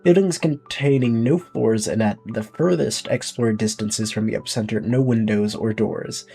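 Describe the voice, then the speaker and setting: A man's voice: fairly low pitch, normal speed, vocal fry, dark tone, husky, faint music behind, poor audio. A man streaming, reading a document aloud with casual, thinking-aloud asides.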